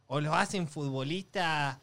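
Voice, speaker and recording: A man's voice: fairly high pitch, measured pace, a bit bright. A man in casual podcast chat, arguing and asking questions.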